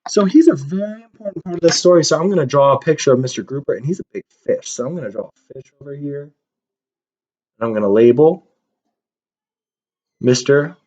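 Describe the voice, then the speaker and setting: A man's voice, a little high and darkish, fairly quick and expressive with frequent pauses, guides young children through a storybook and a lesson. He stays upbeat, talking to them while drawing, in dull lo-fi audio.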